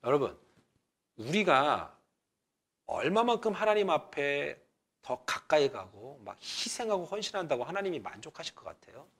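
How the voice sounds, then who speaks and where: A man delivers a Sunday sermon in a high, bright voice that rises and falls with lively swings. He talks to the congregation like a conversation, sometimes hushing almost to a whisper and sometimes calling out loudly. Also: normal speed, husky. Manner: conversational preaching, swings from loud exhortation to near whisper. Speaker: pastor.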